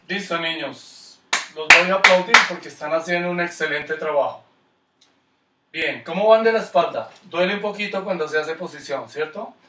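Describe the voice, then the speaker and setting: A man's voice: fairly high pitch, moderate pace, sharp tone, reverberant, distant mic, a little hiss or hum. A man with a Colombian Spanish accent teaching a kids' skating class online, coaching with encouraging, repeated cues. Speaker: skating instructor.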